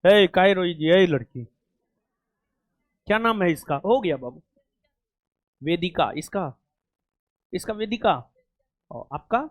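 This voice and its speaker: Man, Bihari Hindi accent, high pitch, dry close sound, fond teasing teacher type. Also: animated, slow, pauses often, dry recording. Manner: affectionate, joking, fussy. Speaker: coaching teacher. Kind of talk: casual chat while honoring students.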